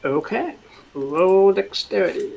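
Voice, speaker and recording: A game master narrating a tabletop game in a halting way, with many fillers and restarts. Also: mid-range voice, lively intonation, creaky, darkish tone, a little hiss or hum, low-quality recording.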